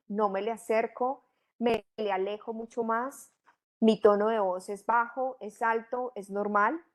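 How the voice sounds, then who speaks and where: A middle-aged woman, teaching a training course in a didactic way, asking many rhetorical questions. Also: fairly high pitch. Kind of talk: online training lecture.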